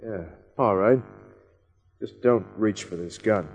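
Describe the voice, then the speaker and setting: An actor playing a hard-boiled private eye, who narrates and trades dry cracks in a vintage radio drama. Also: male voice, lowish voice, slow pace, noisy background. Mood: wry. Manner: dry, wisecracking. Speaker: narrator and lead. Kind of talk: 1940s radio acting.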